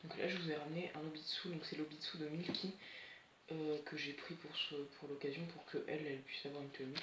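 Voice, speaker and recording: Excitable teen rambling over rustling plastic. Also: medium pitch, brisk, background noise. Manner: excited, rambling, swears often. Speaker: doll collector vlogger. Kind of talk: casual unboxing chat. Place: at home, indoors. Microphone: phone camera. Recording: echoey room with loud plastic rustling. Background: crinkling bubble wrap and plastic.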